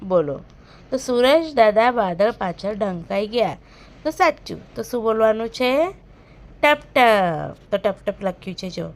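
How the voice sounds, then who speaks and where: A woman teacher reading a picture-book lesson aloud to young children, pausing to ask them questions and explain. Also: on the high side. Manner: expressive, asks children questions.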